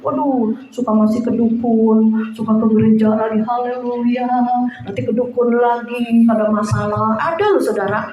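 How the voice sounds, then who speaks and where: Higher-voiced woman preacher, lively sermon delivery, booming church echo. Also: normal speed. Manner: animated preaching, addresses listeners as brothers and sisters, acts out quoted voices. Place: church hall. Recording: very echoey hall, dull lo-fi sound.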